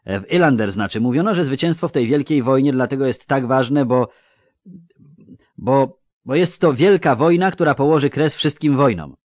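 A man's voice: medium pitch, fairly quick, hardly any pauses, voice pushed up, lightly acted. A male narrator voicing a nervous, earnest young man who stammers and hesitates.

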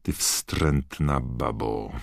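A man's voice: extremely low pitch, animated, moderate pace, breathy edge, no echo, clean studio sound, heavily acted. A man voicing a clever, indignant teenage schoolgirl witch in an audiobook, lecturing and biting. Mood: seething. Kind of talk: audiobook character voice.

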